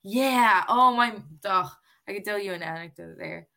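Bubbly bright-voiced woman from Puerto Rico. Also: medium pitch, normal speed, creaky. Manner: bubbly, laughs easily. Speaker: podcast guest. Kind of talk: casual podcast interview.

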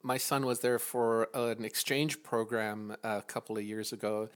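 A man's voice: lowish voice, level tone, measured pace. A man hosting a podcast, interviewing a guest in a friendly, upbeat way. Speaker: podcast host.

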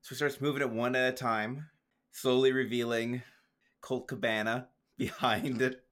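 A man co-hosts a podcast, casually recapping a show with easygoing dry remarks and frequent laughs. His mid-range voice has a flat delivery, a moderate pace, and a slightly bright quality.

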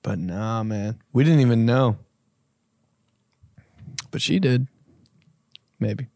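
A man's voice: mid-range voice, takes it slowly, creaky, darkish tone, no echo, studio quality. A young man hosting a podcast, answering listener questions in a laid-back, rambling, profane way. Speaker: podcast host. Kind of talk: casual podcast chat.

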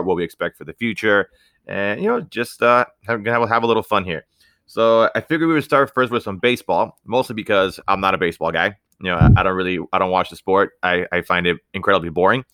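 A man's voice: low-pitched, fast, fairly bright tone, clear, resonant tone, no echo, clean studio sound. A young man hosting a casual podcast chat in a joking, laid-back way. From United States. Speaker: podcast host.

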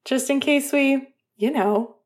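A woman's voice: sits high, slow pace, darkish tone, voice pushed up. A woman voicing a playful young male hockey player in a bouncy, teasing way in an audiobook.

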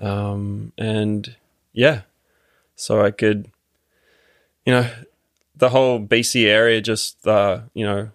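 A man's voice: on the low side, little pitch movement, slow pace, pauses often, no room sound, clean studio sound. A man with an Australian accent, a podcast guest chatting casually and hesitantly, with many ums and restarts. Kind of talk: casual interview chat.

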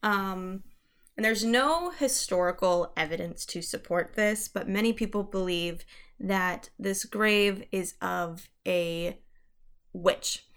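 A woman's voice: mid-range voice, takes it slowly, fairly bright tone, smooth. A young woman co-hosting a podcast, chatting casually through ghost stories with lots of fillers and self-corrections. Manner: chatty, many fillers and restarts, laughs at herself. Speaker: podcast co-host.

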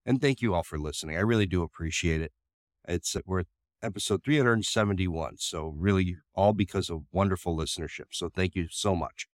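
A man hosting a podcast, talking in a relaxed, chatty way through a tinny microphone that makes him sound like he is in a tin can. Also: sits low, fairly quick, dry recording, clean studio sound. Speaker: podcast host. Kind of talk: casual podcast introduction. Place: makeshift spot away from his usual studio.

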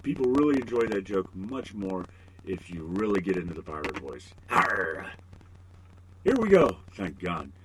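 A man's voice: deep voice, moderate pace, noisy background. A middle-aged man hosting a podcast alone, rambling with joking, self-deprecating asides. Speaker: podcast host. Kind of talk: casual solo podcast monologue.

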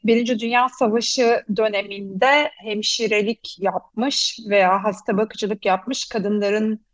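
Female talk host, medium pitch, explains with pauses, very dry sound. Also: fairly even intonation, no echo. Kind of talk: semi-scripted programme presenting.

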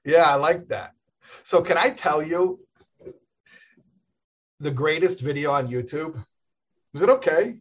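A man, a rabbi, telling stories in a casual, animated conversation, often chuckling and restarting his sentences. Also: a little high, measured pace, pauses often, lo-fi sound.

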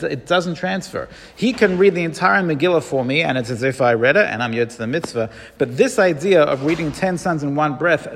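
A man's voice: a little high, creaky, in a large hall. A man giving a casual halachic lecture, explaining step by step with ums and restarts. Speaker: Torah teacher.

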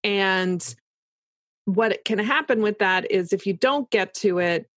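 A woman's voice: medium pitch, slow pace, a bit bright, dry recording. A woman in casual, explanatory conversation, talking through examples as if voicing her own thoughts.

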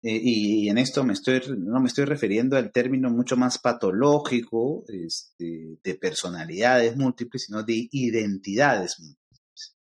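A man's voice: mid-range voice, normal speed. Middle-aged man, Lima Peruvian accent, podcast guest, lecturing, filler-heavy. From Peru. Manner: lecturing, many fillers like "este" and "eh". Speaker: guest expert on interculturality. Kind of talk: explanatory podcast conversation.

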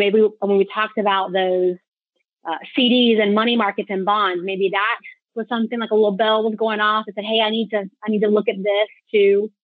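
A woman's voice: mid-range voice, dry recording. Woman presenting over a tinny phone-like line. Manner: conversational, addresses listeners directly. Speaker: financial advisor presenting a webinar. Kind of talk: informal webinar presentation.

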